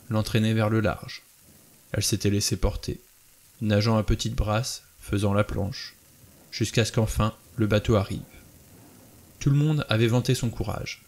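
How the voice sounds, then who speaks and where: A man calmly narrating a novel as an audiobook reader. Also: fairly low pitch.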